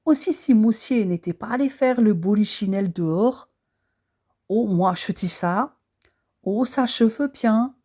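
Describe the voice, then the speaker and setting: A woman's voice: mid-range voice, measured pace, a little mellow, lightly acted. A woman voicing a sleepy, grumbling maid with a put-on Alsatian accent, yawning through short replies.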